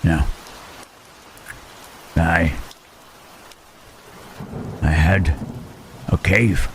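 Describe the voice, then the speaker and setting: A man playing a lonely, humble, gentle-hearted monster in an intimate ASMR roleplay, speaking haltingly and repeating his words with murmured questioning tags. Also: low-pitched, full character voice. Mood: wistful. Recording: rain and thunderstorm noise behind. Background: rain and thunder.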